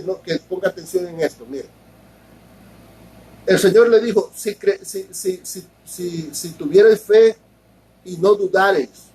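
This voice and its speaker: Male pastor, sermon, high voice, husky tone, repeats himself, keeps checking listeners follow. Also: low-quality recording. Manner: explains slowly, repeats words and keeps asking ¿verdad?.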